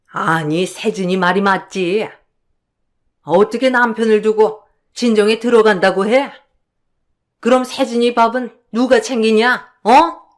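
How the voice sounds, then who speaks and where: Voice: mid-range voice, a little slow, pauses often, natural voice. A voice actor playing a harsh older mother-in-law who sides with her son in a radio drama. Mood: dismissive. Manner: bossy, dismissive.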